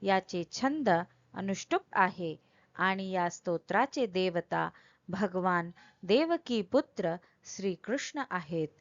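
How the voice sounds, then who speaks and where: A woman teaching a devotional hymn, over-enunciating carefully and deliberately as she recites and explains. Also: lowish voice, animated, highs cut off. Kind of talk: slow chanted Sanskrit verses with explanatory narration.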